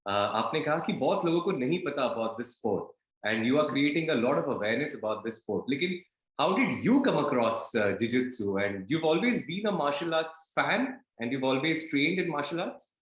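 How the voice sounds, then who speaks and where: A man's voice: medium pitch, animated, fast talker, a bit bright. Indian male interviewer in an echoey room. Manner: polite, switches between English and Hindi. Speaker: podcast host. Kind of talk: interview hosting, introducing and questioning a guest.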